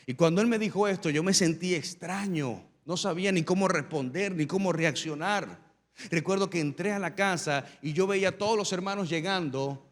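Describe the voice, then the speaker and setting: A man preaching a sermon as pastor, telling his own testimony and building to loud, emphatic preaching. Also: high voice, moderate pace, big-room sound.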